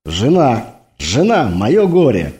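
A man's voice: medium pitch, huge pitch swings, slow pace, dark tone. A man reading an audiobook, voicing a tactless, chatty army major who rambles in cheeky banter. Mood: teasing.

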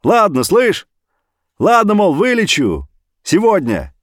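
A man voicing a good-natured middle-aged brother who shouts down a phone line. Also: sits high, wildly swooping pitch, slow, no echo, studio quality, pitched above the performer's own voice, full character voice. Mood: shouting. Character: middle-aged brother, kind storyteller, hesitant.

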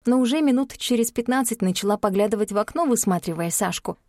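A woman telling a story in the first person, in a wry, even manner. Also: on the high side, fast talker, no echo, clean studio sound. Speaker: audiobook narrator. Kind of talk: first-person audiobook narration.

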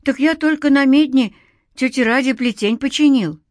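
A woman's voice: sits high, normal speed, a little mellow, dry recording, clean studio sound, voice pushed up, lightly acted. A woman voicing a naive, good-natured young village man who speaks earnestly.

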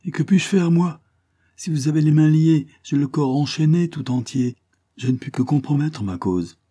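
A man voicing a frightened young man on the run, talking in an agitated, pleading, high-strung way. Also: moderate pace, warm tone, husky. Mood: fearful, agitated.

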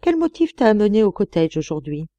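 A woman's voice: mid-range voice, sing-song, fairly quick, warm tone, dry recording, muffled recording, close to an everyday voice. Woman playing an earnest young miner.

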